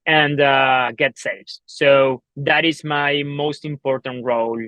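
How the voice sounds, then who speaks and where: A man's voice: medium pitch, fairly even intonation, slow pace, a bit bright, no echo. Guy w chatting in an interview, upbeat, dry sound. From Argentina. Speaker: guest, startup co-founder. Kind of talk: casual interview. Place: coworking office.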